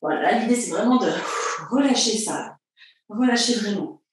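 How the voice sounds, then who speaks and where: A woman with a fairly high voice guides a pilates session, cheerful and encouraging, counting out repetitions. Her voice rings in a very echoey room, picked up from a distance. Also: expressive, moderate pace, noisy background. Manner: cheerful, encouraging, counts reps aloud, laughs often. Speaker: pilates instructor. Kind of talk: guided workout instruction.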